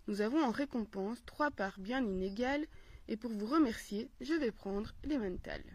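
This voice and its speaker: Brief: glib, scheming storybook rat, read by a woman, slightly high voice. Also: normal speed, slightly rough, no echo. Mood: smooth. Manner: persuasive, glib. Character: smooth-talking, scheming male rat. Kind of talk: storybook reading aloud.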